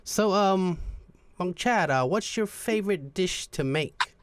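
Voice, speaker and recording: A man's voice: sits high, lively intonation, takes it slowly, clear, resonant tone, dry recording. A man hosting a podcast in casual, informal conversation with loose phrasing. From United States. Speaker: podcast host.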